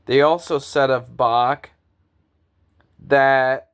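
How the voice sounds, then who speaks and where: Slow, earnest man in his thirties. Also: medium pitch, steady tone, clean tone. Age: 30s. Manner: earnest, lecturing, grandiose. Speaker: composer. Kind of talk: spoken monologue to camera.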